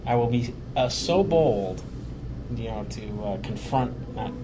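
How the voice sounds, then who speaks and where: A man hosting a podcast speaks slowly and expressively in a medium pitch, with noise in the background. He chats casually and hesitantly with fillers, then reads out a prepared recap of the show.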